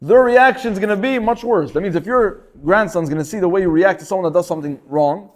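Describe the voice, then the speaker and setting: In a synagogue, a man gives a casual Torah lesson in a brisk, high-pitched voice, animatedly acting out the stories and frequently repeating words.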